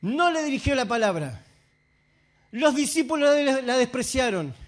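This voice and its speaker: A male pastor preaches a sermon, his voice sitting very high for a man. He swings from hushed, quiet asides to raised, fervent outbursts. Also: sing-song, moderate pace.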